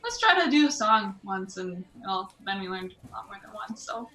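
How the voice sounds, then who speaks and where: A woman singer-songwriter guest on a live show, telling her story in a friendly, relaxed way. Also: medium pitch, moderate pace. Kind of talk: casual interview answers. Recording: roomy echo.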